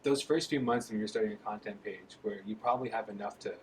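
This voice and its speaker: A man's voice: lowish voice, fast, slight background noise, rough recording. A man hosting a casual sports interview, chatty and upbeat, firing off follow-up questions. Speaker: interviewer, host.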